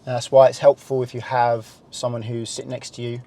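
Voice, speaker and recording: A man's voice: mid-range voice, flat delivery, brisk, dark tone. A man in his thirties with a British accent, coaching a learner driver in an instructive way with short directions and checking questions. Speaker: driving instructor. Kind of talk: coaching a learner during a lesson. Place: inside a small car. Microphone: clip-on lapel mic. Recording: road and engine noise in car.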